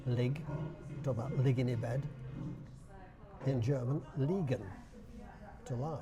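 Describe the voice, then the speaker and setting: An older Bradford man with a Yorkshire accent, chairman of a dialect society, is the guest in a casual interview, chatting and explaining things. His mid-range voice is unhurried, and music plays underneath.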